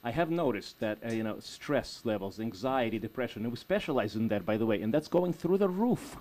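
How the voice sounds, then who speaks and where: A man co-hosting a call-in talk radio show, speaking in a halting, folksy way with many restarts. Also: medium pitch, lively intonation, darkish tone. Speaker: radio co-host.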